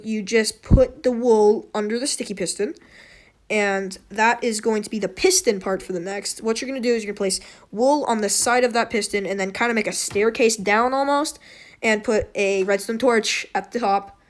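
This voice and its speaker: Hoarse, slightly wheezy woman rambling casually. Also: mid-range voice, moderate pace. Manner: rambling, self-deprecating, apologetic. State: hoarse throat. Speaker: tutorial host. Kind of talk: casual unscripted game tutorial commentary.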